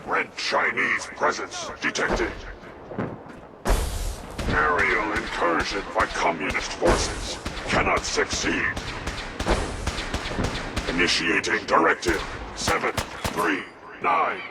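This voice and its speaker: Gravelly robot war machine. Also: male voice, mid-range voice, very animated, slow, pauses often, very noisy, heavily acted. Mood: mechanical. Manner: clipped, mechanical announcements. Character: giant male war robot, blunt and fanatical. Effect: robotic voice filter. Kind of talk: video game dialogue. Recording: game audio under loud gunfire and explosions.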